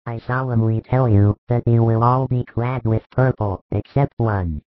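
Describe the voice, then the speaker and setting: A man voicing Jesus as a solemn, gentle teacher with measured authority in a dramatized scripture story. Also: medium pitch, fairly even intonation, no room sound, close to an everyday voice. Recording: muffled, phone-like audio.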